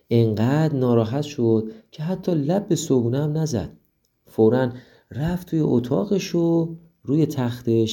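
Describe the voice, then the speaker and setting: Mellow-voiced man telling a children's story. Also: mid-range voice, vocal fry. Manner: gentle, addresses the young listener directly.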